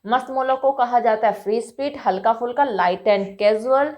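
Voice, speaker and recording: A woman teaching English vocabulary to Hindi speakers, explaining patiently and often checking with "right?", saying example sentences slowly. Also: a little high, a little mellow.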